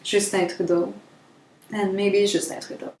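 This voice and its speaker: A woman's voice: medium pitch, flat delivery, unhurried, darkish tone. A woman, introducing herself to camera in a playful, light way. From Quebec, Canada. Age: 20s. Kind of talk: casual self-introduction to camera. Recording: echoey room.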